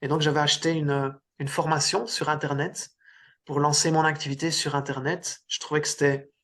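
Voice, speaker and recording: A middle-aged man from Belgium, a coach, is interviewed casually about his career. His voice sits on the high side, fairly bright and level, and he talks briskly, though he hesitates with lots of fillers and restarts.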